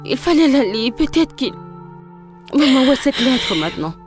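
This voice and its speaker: A woman's voice: high-pitched, big pitch swings, moderate pace, soft background music. An actress dubbing a young woman who insistently questions her mother, in a French film dub. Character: grown daughter pressing her mother, earnest.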